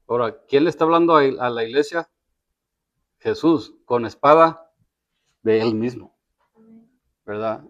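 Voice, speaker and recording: A man preaching a conversational sermon as pastor, with a folksy manner, often asking "¿verdad?" and acting out quoted voices. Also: mid-range voice. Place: church. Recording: dull lo-fi church recording.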